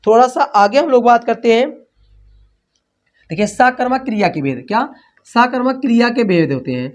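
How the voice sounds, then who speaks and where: A man's voice: extremely high pitch, expressive. A man teaching a grammar lesson, repeating key terms as questions and correcting himself as he writes on a board. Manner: repeats key terms as questions, slow and drawn out when dictating; self-corrects mid-sentence. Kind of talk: online classroom lesson.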